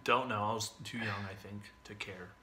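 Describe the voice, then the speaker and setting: Guy with a dry deadpan sense of humor, chatting casually. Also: lowish voice, normal speed, slight background noise. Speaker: fiancé and guest. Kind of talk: casual chat.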